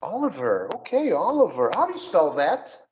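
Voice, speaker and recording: A man from Brazil teaching a one-on-one English lesson, coaching his student and spelling words out slowly. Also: high-pitched, huge pitch swings, highs cut off, slight background noise.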